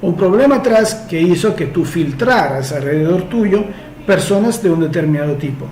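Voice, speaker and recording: In an echoey room, an Italian-native host reads out a listener's letter and responds with advice. His voice sits high, sounds a little mellow, and is animated at a normal speed. He takes an explanatory approach and draws on everyday, homely comparisons.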